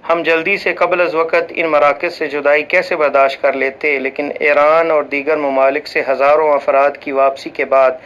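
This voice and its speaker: A man reads a religious ruling aloud in a formal, measured voice and recites Arabic verses along the way. His voice is smooth and resonant and sits a little higher than usual. The recording is slightly muffled and lo-fi. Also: flat delivery, a bit bright. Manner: formal and measured, with occasional slips and restarts; recites Arabic scripture passages. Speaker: voice-over reader for a religious channel.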